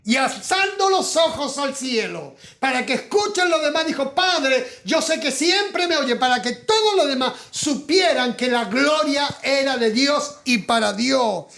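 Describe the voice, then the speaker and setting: A man with a Rioplatense Spanish accent preaching a sermon as pastor, swinging from loud emphatic calls to hushed asides. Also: extremely high pitch, lively intonation, measured pace, gravelly, hardly any pauses. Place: auditorium.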